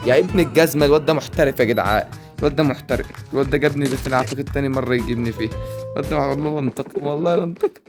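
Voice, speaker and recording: A young man with an Egyptian Arabic accent giving casual, excitable commentary over a video game he is playing. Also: medium pitch, over music. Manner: excitable, rapid banter and repeated exclamations. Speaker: gaming YouTuber.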